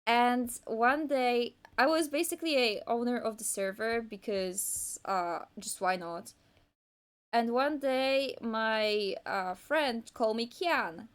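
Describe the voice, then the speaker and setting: A young Polish-born woman draws on an art livestream and chats casually, her talk wandering and hesitant, full of restarts and fillers. Her fairly high voice moves slowly and smoothly.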